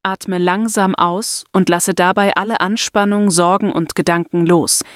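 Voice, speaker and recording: A woman narrating a scripted guided meditation and affirmations in a soft, soothing, deliberate manner. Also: lowish voice, steady tone, no room sound.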